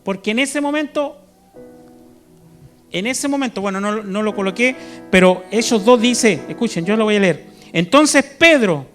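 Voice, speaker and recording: A man with a Chilean accent preaching a sermon to his congregation, animated, constantly checking in with "¿cierto?" and bursting into loud shouts. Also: high-pitched, normal speed, long pauses, soft background music. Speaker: pastor. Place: church service.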